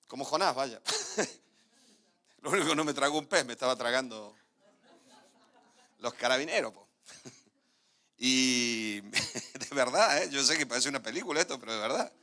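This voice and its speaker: A man's voice: medium pitch, normal speed, pauses often. A man with an Argentine accent, a pastor telling a personal testimony during a sermon, laughing often as he tells the story. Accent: Argentine Spanish. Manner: storytelling, laughs often, dips quiet then rises.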